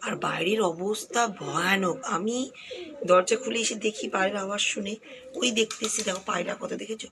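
Slightly hoarse woman vlogging outdoors. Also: mid-range voice, fairly quick. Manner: chatty, keeps pointing things out to viewers. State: voice a little hoarse. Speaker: lifestyle vlogger. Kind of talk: casual vlog to camera. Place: outdoors on a foggy rooftop and yard. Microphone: handheld phone camera. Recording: phone audio with outdoor noise.

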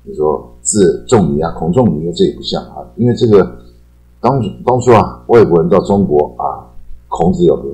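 Low-voiced man teaching English. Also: mellow, low-quality recording. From Taiwan. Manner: chatty, ends phrases with a drawn-out particle, repeats key words. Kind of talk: casual explanatory lecture.

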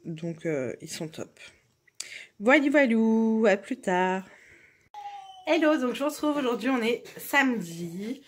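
A woman's voice: medium pitch, sing-song, measured pace, husky. Chatty young woman vlogging at home. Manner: chatty, many fillers, drops to a hushed murmur in the evening. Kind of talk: casual chat.

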